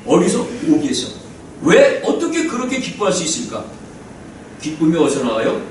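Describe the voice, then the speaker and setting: A man preaching a sermon in an animated way, acting out voices and breaking into hymn singing. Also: medium pitch, background noise. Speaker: pastor. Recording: echoey room from far off, faint ambience.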